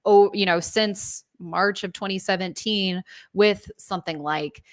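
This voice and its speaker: A woman's voice: medium pitch, measured pace, no echo, studio quality. A female co-host who asks questions and guides the conversation through stock charts. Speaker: co-host of market show. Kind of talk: conversational market analysis.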